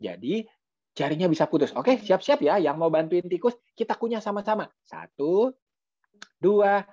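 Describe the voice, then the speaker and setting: A man telling a children's story over video call, lively and coaxing the children to join in. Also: high-pitched, normal speed, dry recording. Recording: dull dry video call audio.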